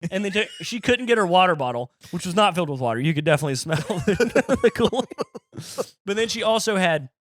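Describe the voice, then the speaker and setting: A man's voice: sits high, expressive, quick pace, fairly bright tone. A man from Appalachia, a stand-up comedian hosting a podcast, telling crude rambling stories with a laugh in his voice. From Appalachia, USA. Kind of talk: casual comedy podcast chat.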